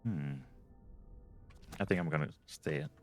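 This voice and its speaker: A man's voice: a bass voice, measured pace, soft background music. A man giving casual let's play commentary, thinking aloud as he goes, with game sound behind him. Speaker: gamer.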